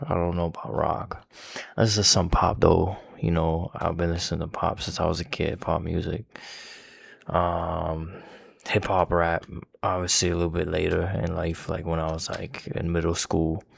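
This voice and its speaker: A man's voice: sits low, flat delivery, moderate pace, gravelly, slightly rough, dry recording. A young man rambling casually as a music reaction host, talking with a slight lisp from his retainers and swearing often.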